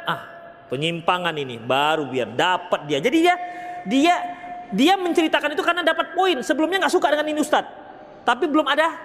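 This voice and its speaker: A man giving a religious lecture, answering questions in a lively, joking way. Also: very high voice. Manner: lively, joking, reads audience questions aloud. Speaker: Islamic preacher answering questions. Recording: long reverb of a lecture hall.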